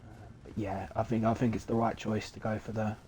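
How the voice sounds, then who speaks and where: A man streaming a game, rambling through relaxed commentary with many fillers. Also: lowish voice, fairly quick, a little hiss or hum. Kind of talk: casual gameplay commentary.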